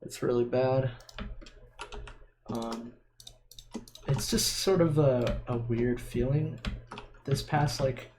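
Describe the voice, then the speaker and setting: In a dim room at home, a young male vlogger sits at his computer playing a video game, rambling casually and hesitantly with a slight lisp on his S sounds. His medium-pitched voice is slow and darkish with long pauses, over a faint hiss or hum and the clicking of keyboard and mouse.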